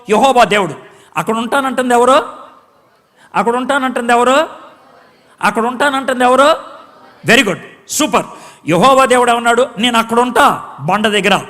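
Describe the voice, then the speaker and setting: A pastor giving a dramatic sermon, acting out quotes and swinging between shouts and hushed tones. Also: male voice, very high voice, normal speed, long pauses, in a large hall. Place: church hall.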